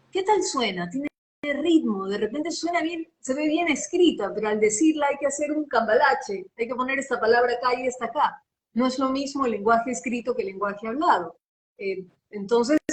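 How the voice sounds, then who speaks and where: On a live video call, a woman who does voice-over work offers advice in an emphatic, teacherly way, with repeated phrases and a slight sing-song lilt. Her voice sits on the high side, and the audio quality is poor.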